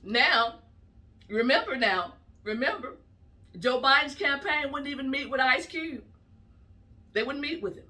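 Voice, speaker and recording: A woman's voice: high-pitched, normal speed, bright, forceful tone, recorded from a distance. A woman political commentator talking in an emphatic, indignant, conversational way in her opinion vlog.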